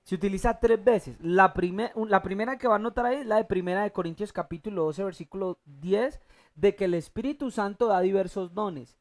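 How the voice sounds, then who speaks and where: Mid-sermon at a church Bible class, a preacher with a mid-range voice quizzes the congregation with fill-in questions. He repeats key words slowly and often restarts haltingly as he thinks aloud.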